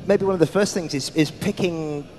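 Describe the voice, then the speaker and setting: A man moderating a panel discussion, halting and full of fillers. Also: a little high, darkish tone. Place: conference hall. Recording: echoey hall, faint background noise.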